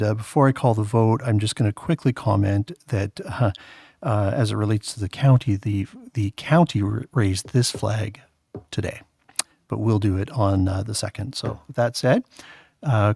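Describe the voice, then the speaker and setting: Gravelly man chairing a council meeting. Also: fairly low pitch, dark tone, no room sound, studio quality. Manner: halting, many filler sounds.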